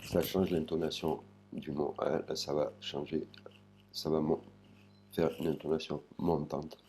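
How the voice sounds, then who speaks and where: A man with a very deep, dark voice gives a language lesson. He speaks slowly and spells out each sound and syllable with care. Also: flat delivery, slight background noise. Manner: slow, spells out sounds one by one. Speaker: Thai language teacher. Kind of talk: spoken lesson.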